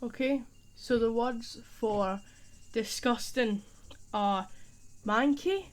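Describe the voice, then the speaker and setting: Woman, Scottish accent, young adult, playful teacher role-play, rambling, slightly high voice. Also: takes it slowly. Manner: chatty, playful and rambling, heavy dialect. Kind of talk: spoken ASMR role-play.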